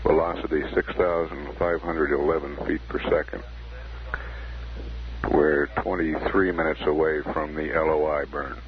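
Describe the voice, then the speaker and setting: A man's voice: very deep voice, level tone, measured pace. A man giving formal, matter-of-fact status commentary as a mission control announcer. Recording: dull, noisy archival radio feed.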